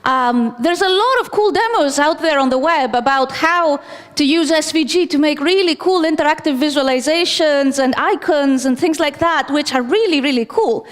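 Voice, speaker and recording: A woman's voice: sits high, normal speed, few pauses. A woman from Greece in her thirties, giving a chatty technical conference talk with fillers and self-deprecating asides. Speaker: conference speaker. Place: conference hall stage. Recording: long reverb of a large hall.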